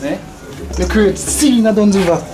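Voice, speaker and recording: Jamaican guy cooking and bantering, animated, says stuff over and over, loud music behind him. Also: high voice, normal speed, poor audio. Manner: animated, repeats phrases. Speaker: cook on a cooking vlog. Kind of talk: casual banter while cooking.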